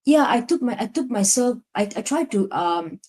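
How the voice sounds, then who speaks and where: With a fairly high, animated and slightly mellow voice at a moderate pace, a young lecturer from Singapore talks as a guest about her past. She has a Singaporean English accent and reflects casually, frequently saying "you know."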